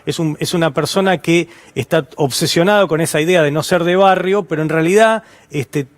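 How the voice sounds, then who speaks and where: An Argentine man with a Rioplatense accent, a guest professor answering interview questions, halting with many restarts and fillers. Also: a little high. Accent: Rioplatense Spanish.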